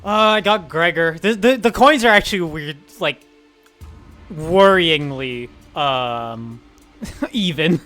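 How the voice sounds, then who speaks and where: A man's voice: on the high side, lively intonation, takes it slowly, bright, forceful tone, faint music behind. A playful man chatting and laughing as a streamer while they read a game together. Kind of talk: casual chat while reading a game together.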